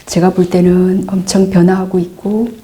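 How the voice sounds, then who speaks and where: A middle-aged woman, a Buddhist nun, patiently answering meditation questions, calm and repetitive, sometimes dropping into soft asides. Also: on the low side, normal speed. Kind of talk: dharma Q&A teaching.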